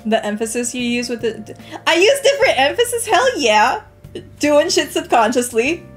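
A woman's voice: sits high, sing-song, moderate pace, soft background music. A young woman streaming a game, chatting casually with her viewers, laughing often and swearing freely. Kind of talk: casual gaming commentary.

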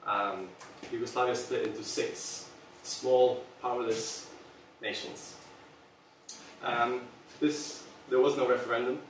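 Slow and steady, a medium-pitched male voice belongs to a Serbian product designer in his thirties presenting earnestly to a small audience, often pausing with ums. The meeting-room recording, made by a far camera, is very echoey with slight background noise.

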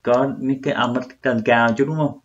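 In a dull, lo-fi recording, a young male vlogger from Vietnam runs a relaxed pronunciation tutorial, talking chattily and repeating words as a self-test. His voice is mid-range, his intonation fairly even, and his speed normal.

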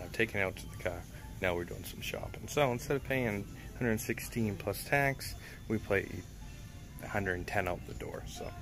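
A middle-aged man, chatty and upbeat, narrating a casual vlog to a handheld camera. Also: fairly low pitch. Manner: chatty and upbeat, talks to viewers as he goes. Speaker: vlogger and truck driver. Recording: noisy handheld recording.

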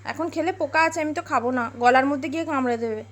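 A woman, a mother, talking to her small child in a home vlog, gently coaxing and mildly scolding. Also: high-pitched, quick pace.

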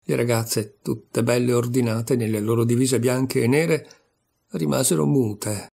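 A man narrating a literary short story in a measured, calm storytelling manner. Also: mid-range voice, creaky, slightly rough. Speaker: narrator and reader.

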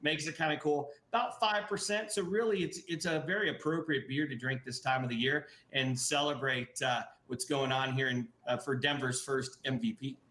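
A middle-aged brewery guest talks enthusiastically about his brewery in a casual video-call interview, with a bright, forceful, steady medium-pitched voice at a moderate pace and few pauses. His speech is full of fillers and restarts, and the webcam in his indoor office gives the audio a roomy sound.

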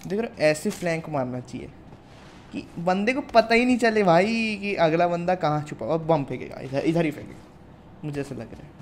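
A young streamer with an Indian accent chats casually through a mobile shooter session, referring to his viewers as "guys" and "brother." He speaks at a normal speed in a fairly high voice full of lively intonation, over slight background noise.

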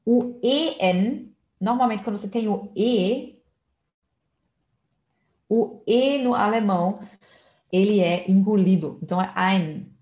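Slow-spoken woman teaching German pronunciation. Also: medium pitch, darkish tone, reverberant, highs cut off. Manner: explains pronunciation step by step, slowly spelling out letters. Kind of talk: casual online language lesson.

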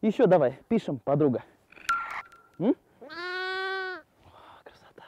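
Presenting a travel show outdoors, this man in his twenties is chatty, animated and spontaneous in a casual way. His voice is a little high and his pace a little slow. The recording is muffled and the background noisy.

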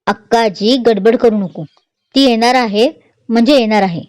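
A woman's voice: on the high side, moderate pace, darkish tone, dry recording, natural voice. A woman storyteller voicing an easygoing young man who teases and reassures his family. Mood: reassuring.

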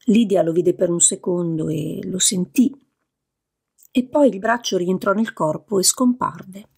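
Woman reading a story out loud, kinda gravelly voice, steady and calm. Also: on the low side, unhurried. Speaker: audiobook narrator. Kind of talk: scripted narration.

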